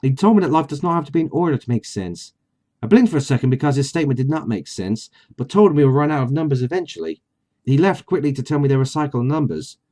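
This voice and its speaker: A man's voice: medium pitch, sing-song, fast, dark tone. A man hosting a casual chat and reading from a book, talking freely with many fillers. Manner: chatty, with many fillers and laughs. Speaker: author and channel host.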